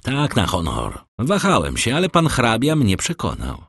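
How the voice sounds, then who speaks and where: A man voicing a vain, cheerful young gentleman, lifting his voice higher and airier, read in an audiobook. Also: huge pitch swings, normal speed, husky, no room sound, clean studio sound, heavily acted. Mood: airy.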